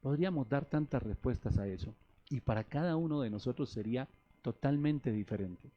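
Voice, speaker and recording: A man's voice: medium pitch, animated, fairly quick, a little hiss or hum. A man preaching a sermon, emphatic and acting out the voices he quotes. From Colombia. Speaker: pastor. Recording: dull lo-fi radio broadcast.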